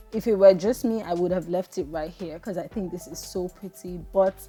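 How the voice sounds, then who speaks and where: Her voice is mellow and sits on the low side. She's a soap maker and channel host in her thirties with a Nigerian accent, talking casually and thoughtfully to viewers in voice-over as she works.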